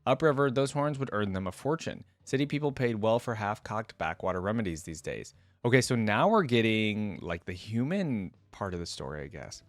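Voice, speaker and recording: This lowish male voice is animated and moves at normal speed with few pauses, recorded dry. He's the host of a game lore reaction video, reading a story out loud and reacting to it with relaxed, slangy side comments.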